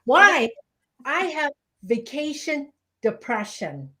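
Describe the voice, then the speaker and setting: A woman's voice: high voice, sing-song, slow, sharp tone. A woman chatting casually as co-host of a live show, speaking as a Reiki teacher.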